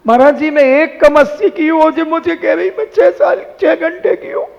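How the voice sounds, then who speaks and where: A woman's voice: extremely high pitch, moderate pace, gravelly, voice pushed up. A man preaching voices an old grandmother near eighty, complaining shrilly and close to tears. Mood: aggrieved. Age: older. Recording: dull sound in a long-echo hall.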